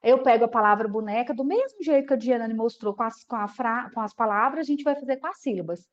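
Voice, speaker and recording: A woman with a high voice gives an explanatory online talk to teachers. She checks in with her listeners often and slows to a crawl when she breaks a word into syllables. The stream audio is dull and lo-fi. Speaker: teacher educator. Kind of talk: live online lecture.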